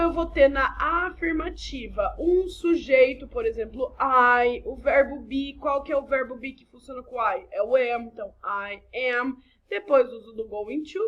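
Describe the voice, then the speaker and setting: A woman's voice: high-pitched, a bit bright. A young woman with a Brazilian Portuguese accent teaching an English grammar class online, chatty and thinking aloud as she addresses her students. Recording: dull lo-fi home recording.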